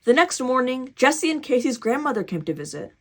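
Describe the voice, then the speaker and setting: Animated woman reading a children's storybook. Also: high-pitched, fairly quick. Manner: animated, dramatic, cheering reader. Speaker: picture book read-aloud host. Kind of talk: expressive children's storybook reading with excited asides.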